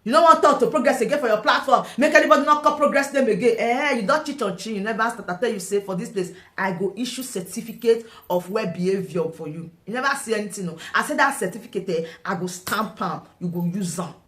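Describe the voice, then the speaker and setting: A woman's voice: mid-range voice, fast talker, few pauses, a bit bright. A Nigerian woman commenting on a vlog, combative and taunting, firing off rhetorical questions. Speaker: online political commentator. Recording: echoey room.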